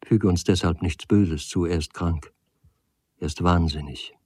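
A man voicing a grave, earnest young woman who speaks low and even, without smiling. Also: unhurried, dry recording. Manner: low, unsmiling, even-voiced.

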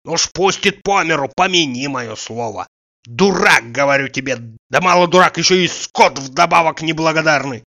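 A man voicing a crude, blustering middle-aged male sponger who shouts insults and abuse. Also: on the high side, normal speed. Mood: scolding. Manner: bellowing, abusive, indignant.

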